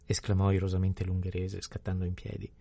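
A man narrating a novel in a steady, even literary reading. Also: low voice, brisk, vocal fry, no room sound. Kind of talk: scripted audiobook narration.

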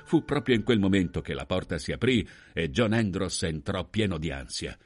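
Expressive male audiobook narrator, lower voice. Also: normal speed, breathy edge, no echo, clean studio sound. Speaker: audiobook reader.

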